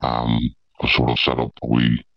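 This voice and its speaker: A man, his voice disguised and pitched very deep, telling his story in an interview, halting with many fillers and restarts. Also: completely flat delivery, gravelly, dry recording, lo-fi sound. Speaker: amateur paedophile hunter.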